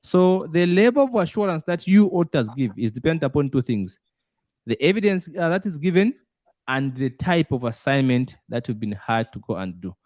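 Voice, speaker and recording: A man's voice: on the high side, expressive, moderate pace, a little mellow, no echo. Man explaining with many fillers. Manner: repeats points, frequent "uh" fillers. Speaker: auditing tutor quizzing a student. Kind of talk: explanatory lesson with worked examples.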